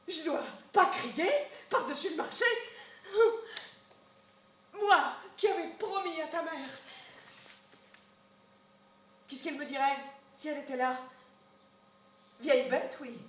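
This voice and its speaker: An actress playing an old, devoted nurse who scolds and laments on a theater stage, swinging from shouts to murmurs. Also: female voice, sits high. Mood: lamenting. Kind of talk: stage acting. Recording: roomy stage with faint noise.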